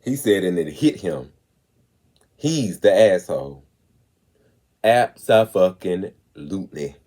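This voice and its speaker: A man hosting a commentary show, talking with emphasis and slowing down to stress his points. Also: low-pitched, big pitch swings, dark tone, husky. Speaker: host. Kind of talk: commentary on clips.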